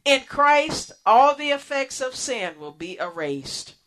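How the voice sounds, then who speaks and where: A woman hosting a radio ministry program, preaching in a slow, earnest way with pauses and restarts. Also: sits high, big pitch swings, a bit bright. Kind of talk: sermon.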